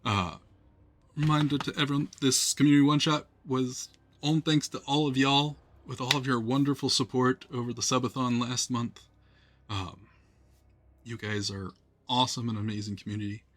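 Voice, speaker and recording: A man's voice: medium pitch, steady tone, normal speed, slight background noise. A man hosting a live stream as game master, thanking players and viewers with frequent fillers. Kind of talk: closing remarks on a live stream.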